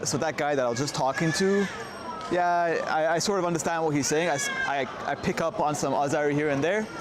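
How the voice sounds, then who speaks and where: This travel vlogger keeps things chatty and informal on a walking tour of a city street, speaking briskly in a voice on the high side. Street noise and vehicles can be heard behind him.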